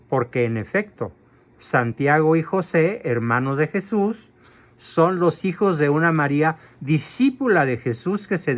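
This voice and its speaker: Male catechism lecturer, measured and forceful, drawn-out pace, voice a touch high. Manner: emphatic, slow and deliberate, spells out terms. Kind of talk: doctrinal lecture.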